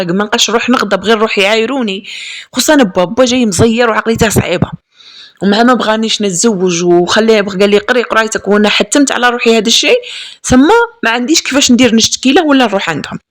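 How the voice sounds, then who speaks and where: A young woman with an Algerian accent, telling a personal story in a lively, emphatic way and repeating words for stress. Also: a little high. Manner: lively and emphatic, with frequent repetitions. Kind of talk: casual spoken storytelling.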